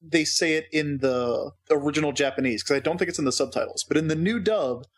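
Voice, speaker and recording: A man's voice: a little high, a little fast. A man co-hosting a podcast, chatting casually and digressively, often breaking into laughter. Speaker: podcast co-host. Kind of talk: casual chat.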